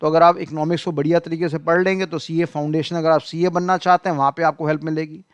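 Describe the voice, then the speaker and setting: A man lectures on economics to his students, calling them beta and mimicking their excuses. His voice is smooth and resonant, set a little high, and recorded dry and close. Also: level tone, quick pace, no room sound. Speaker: economics teacher. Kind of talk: classroom lecture.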